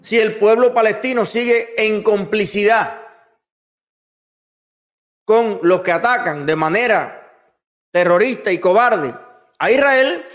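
A man's voice: sits high, slow, pauses often, a bit bright, soft background music. A man, ranting sarcastically and mockingly in a played commentary clip. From Cuba. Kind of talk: online commentary rant.

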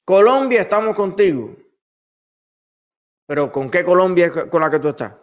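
A man's voice: sits high, animated, normal speed. A man, ranting sarcastically and mockingly in a played commentary clip. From Cuba. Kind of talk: online commentary rant.

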